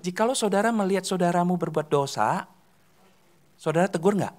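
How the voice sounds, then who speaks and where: A man's voice: high-pitched, brisk. A man, a pastor preaching a sermon in a church hall, asking the congregation questions and answering them himself. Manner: swings between loud emphatic calls and soft dropped endings.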